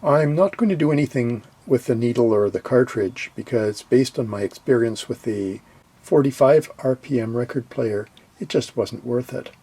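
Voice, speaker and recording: Hosting a hobby video, a man walks through a hands-on repair in a plain, methodical way. His voice is gravelly and mid-range with a dark tone, and he sounds animated while keeping a moderate pace.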